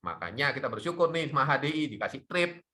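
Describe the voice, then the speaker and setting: A middle-aged man, a doctor, explaining health topics in a lively talk show chat. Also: medium pitch, fast. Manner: lively, animated explaining with laughs.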